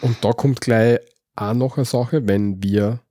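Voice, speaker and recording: A man's voice: medium pitch, fairly even intonation, takes it slowly, mellow, no echo, clean studio sound. A man with an Austrian accent, chatting easily as co-host of a podcast and explaining dialect words. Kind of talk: casual podcast chat.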